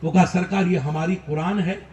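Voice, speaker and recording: A high-voiced preacher in his fifties from India delivers a fiery sermon, often rising to shouts. He sounds roomy and echoey, recorded from some distance off the mic. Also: fairly even intonation, moderate pace. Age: 50s. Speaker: Islamic preacher.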